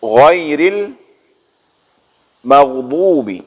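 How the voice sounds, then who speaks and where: A male tajwid teacher speaks slowly and patiently, drilling throat letters over and over. His voice sits a little high for a man and rings with a long hall reverb. He stretches recited verses into a slow chant. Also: very animated, darkish tone. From Indonesia. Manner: patient, repeats letter sounds many times for students to copy; chants Quranic phrases in drawn-out recitation. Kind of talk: slow tajwid lesson with call-and-repeat drills.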